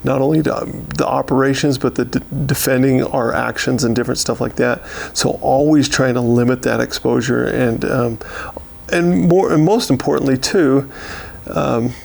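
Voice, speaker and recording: An American man speaking as a county sheriff in an unscripted interview, steady but halting, with frequent pauses and repeated words, in a gravelly voice. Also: medium pitch. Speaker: county sheriff giving a year-in-review.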